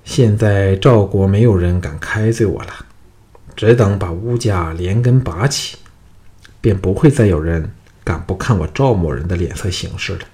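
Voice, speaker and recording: A man's voice: sits low, normal speed, dark tone, natural voice. A man voicing a scheming, cruel male noble villain in an audiobook, with a cold, gloating, menacing delivery. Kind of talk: audiobook character voice.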